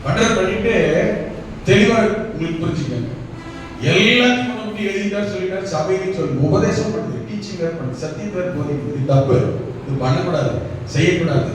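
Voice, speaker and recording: A man's voice: high-pitched, fairly quick, a little hiss or hum. A male pastor preaching a sermon in a church, firing off rhetorical questions and building to emphatic calls. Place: church hall. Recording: echoey church hall, mic from far off.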